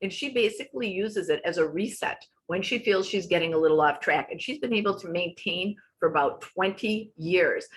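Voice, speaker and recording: A woman's voice: lowish voice, fairly bright tone, rough recording. A woman in her sixties, a wellness coach giving a casual, chatty talk over slides that wanders off on tangents and back. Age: 60s.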